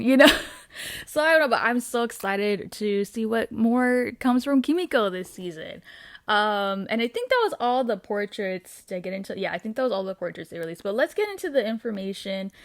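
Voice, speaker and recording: A woman's voice: medium pitch, no room sound, studio quality. A young woman hosting her weekly entertainment show, gushing in a casual, bubbly way with lots of "um" and "like". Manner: bubbly and gushing, many fillers like "um" and "like". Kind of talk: casual fan commentary.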